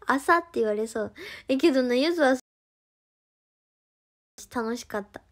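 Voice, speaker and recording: A young woman speaks in a high, light voice with a Kansai lilt. She chats playfully and loosely to her stream, giggling and calling herself by her own name. Her tone is casual and unscripted throughout. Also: sing-song, slow. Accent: Kansai Japanese. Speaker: livestreamer. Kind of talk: casual solo livestream chat.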